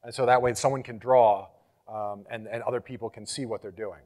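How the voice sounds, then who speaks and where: Man, mid-pitched, conference presenter, animated, energetic, loud when rallying the audience. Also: fairly quick. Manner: energetic, engaging, leads audience exercises; animated, gets louder when rallying the room. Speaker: conference speaker. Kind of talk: live conference talk.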